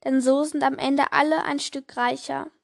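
A woman's voice: high-pitched, level tone, moderate pace, vocal fry, dry recording, clean studio sound. A woman reading aloud the lines of a little girl who sums up the moral of a children's story. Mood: earnest.

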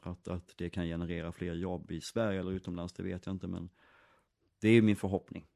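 A man's voice: low-pitched, flat delivery, creaky, warm tone, dry recording, studio quality. A man, an actor and director answering interview questions casually, thoughtful and rambling with many fillers and restarts.

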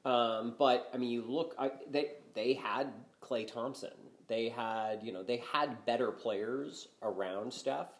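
A man's voice: mid-range voice, unhurried, hardly any pauses. An older man co-hosting a podcast, chatting casually about basketball with lots of "you know" and restarts. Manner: rambling, many fillers and restarts. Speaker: podcast co-host. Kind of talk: casual sports talk. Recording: roomy echo.

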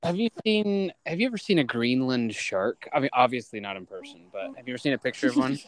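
A young man co-hosting a casual podcast, rambling excitedly with lots of fillers. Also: mid-range voice, fast, poor audio. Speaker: podcast co-host.

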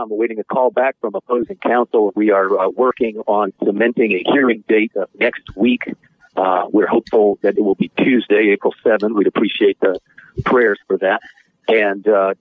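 Man calling in by phone as an attorney guest: slightly husky, earnest and measured, thin phone-line sound. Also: fairly low pitch, fairly even intonation, no room sound. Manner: earnest, measured, frequent filler pauses. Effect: over the phone. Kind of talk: radio interview guest. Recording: tinny dry phone line.

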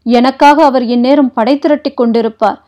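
A woman's voice: high-pitched, fairly even intonation, moderate pace, dark tone, highs cut off, lightly acted. A woman voicing a proud, fiery young princess who speaks sharply and defiantly, read for an audiobook. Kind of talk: audiobook character reading.

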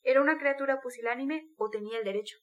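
A woman's voice: high voice, quick pace, close to an everyday voice. A woman reading the part of a brooding, tormented young male student in an intense, bitter confession.

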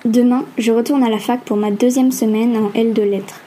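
A woman narrating a first-person novel aloud in an even, steady reading. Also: a little high, moderate pace, slight background noise. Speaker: audiobook narrator.

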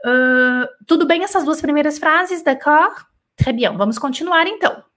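This high, expressive, fairly bright female voice belongs to a teacher leading a live online French lesson. Slow dictation alternates with breezy, chatty explanations in Portuguese full of "tá?" checks.

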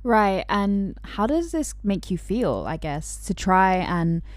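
A woman's voice: mid-range voice, big pitch swings, slow, no room sound, clean studio sound. A woman interviewing a guest, asking curious, open questions. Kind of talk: conversational interview.

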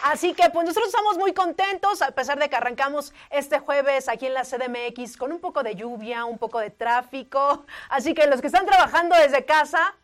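A woman's voice: sits high, fairly quick, few pauses, a bit bright. A woman with a Mexican accent hosting a casual live talk show, chatty and speaking straight to her listeners. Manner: chatty, addresses listeners directly. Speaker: host.

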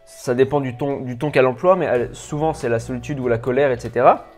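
Speaking at a quick pace in a medium-pitched, slightly mellow voice, a French-accented man delivers an off-the-cuff video lesson straight to the viewer. Soft music runs in the background. This personal development coach rambles casually, stammering with frequent restarts and repetitions.

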